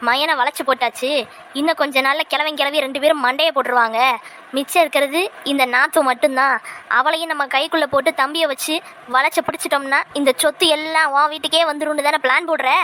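A woman's voice: sits high, fairly even intonation, fast talker, sharp tone, slight background noise. A woman voicing a suspicious older mother-in-law in a cartoon, scornful and accusing in manner. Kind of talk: cartoon voice acting.

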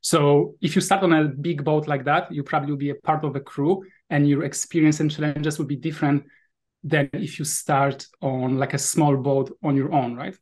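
This guest, a VR sailing app developer from Poland in his thirties, answers casual interview questions over a video call with a Polish accent. His voice is a little high and darkish, fairly even in intonation and normal in speed, and he thinks aloud with plenty of fillers and restarts.

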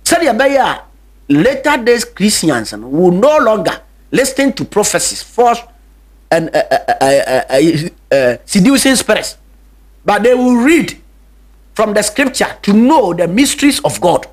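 A man's voice: high-pitched, very animated, a little slow. A Ghanaian man preaching a radio sermon in Twi and English, emphatic, repeating key words, with hesitant fillers.

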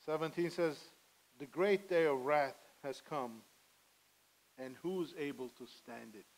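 His voice on the high side and his pace slow, a middle-aged pastor of Armenian heritage earnestly pleads with his congregation from the pulpit. The sermon comes through a headset mic in a medium-sized indoor sanctuary, and the recording is rough.

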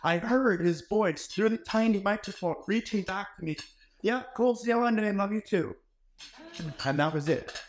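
A keynote speaker in his forties gives a motivational talk in an ornate wood-paneled hall, speaking at normal speed in a voice that sits high. He tells stories emphatically and conversationally into a handheld microphone, with a little hiss or hum.

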